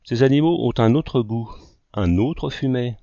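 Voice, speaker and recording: A man's voice: medium pitch, a little slow, no room sound, lo-fi sound, lightly acted. A man reading as a teasing older uncle. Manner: deadpan teasing.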